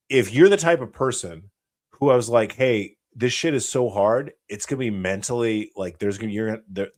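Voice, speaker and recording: An American man hosting a live Q&A stream, talking bluntly and rambling, with heavy swearing. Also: on the low side. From United States. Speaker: channel host, former special operations soldier.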